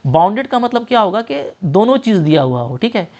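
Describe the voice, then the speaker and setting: A man teaching an exam-prep math lecture with an Indian English accent, often repeating short check phrases and slowing sharply when he reads out definitions. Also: high-pitched, sing-song, darkish tone, dull audio.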